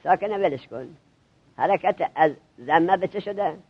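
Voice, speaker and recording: A man teaching a classroom grammar lesson to seminary students, drilling them with quick questions. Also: sits high, animated, dull audio.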